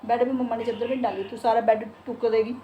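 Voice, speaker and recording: A woman's voice: on the high side, steady tone, fairly quick, dark tone. Chatty woman vlogger. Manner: coos in baby talk to her pet bird, then chats chattily to viewers. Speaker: home vlogger. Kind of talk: casual home vlog chat. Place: home, bedroom and kitchen.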